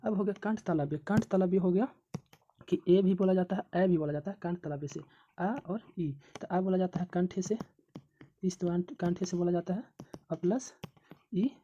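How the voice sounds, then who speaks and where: Woman teacher, low and warm, repetitive drilling delivery; dull lo-fi recording. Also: normal speed, a little hiss or hum. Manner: repetitive, drills syllables aloud. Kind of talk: exam coaching lesson.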